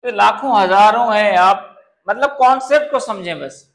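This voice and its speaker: Brief: male teacher, high-pitched voice, patient classroom style, keeps checking if students understand. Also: moderate pace, fairly bright tone. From Pakistan. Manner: calls students "beta", explains with word examples. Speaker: English grammar teacher. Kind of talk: classroom grammar lesson.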